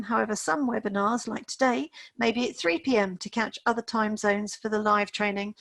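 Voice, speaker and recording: A woman's voice: fairly high pitch, a bit bright. A woman hosting an online training webinar, chatty and friendly, with the odd filler. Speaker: webinar host.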